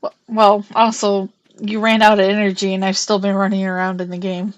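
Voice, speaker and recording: A young woman streams a farming game, speaking fairly quickly in a monotone at medium pitch. Her casual chat covers every move she makes, and she hums to herself as she plays.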